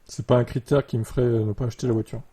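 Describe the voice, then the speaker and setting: Relaxed and filler-heavy, this man reads article excerpts on camera and reacts to them as a YouTuber discussing electric cars. He speaks rapid-fire in a husky mid-range voice, captured muffled and dark by a USB desktop microphone.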